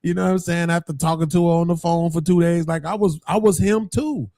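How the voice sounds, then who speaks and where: Male podcast host, profane rambling chat, slightly high voice, dry sound. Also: steady tone, fairly quick, warm tone, dry recording. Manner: profane, rambling, laughs often. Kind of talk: casual chat.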